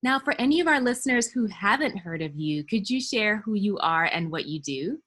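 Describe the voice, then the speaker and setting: A woman's voice: mid-range voice, expressive, a little fast, fairly bright tone. Woman podcast host asking questions. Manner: friendly, prepared questions, brief backchannels. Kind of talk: interview.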